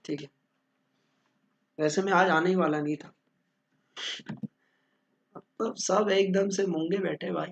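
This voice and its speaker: A man's voice: high voice, fairly even intonation, takes it slowly, gravelly, pauses often, lo-fi sound. A man teaching accounting in a joking, bantering lecture, answering his own questions.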